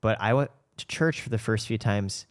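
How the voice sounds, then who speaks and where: A man with a lowish voice speaks at a moderate pace as a podcast host and co-founder of a company. He talks candidly and casually, in a reflective way, often posing rhetorical questions.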